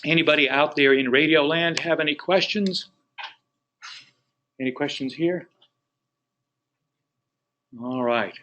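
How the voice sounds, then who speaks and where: Guy running a training webinar, folksy and encouraging, bright voice. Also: fairly high pitch, unhurried, long pauses, slight background noise, low-quality recording. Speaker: real estate business trainer.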